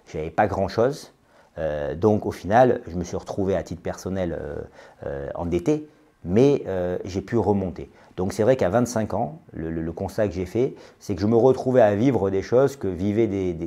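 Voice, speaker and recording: A man nearing forty talks through a podcast interview in a deep, dark, mellow voice. He hesitates constantly, filling pauses and repeating words as he goes. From France. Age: 30s. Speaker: interview guest, business owner.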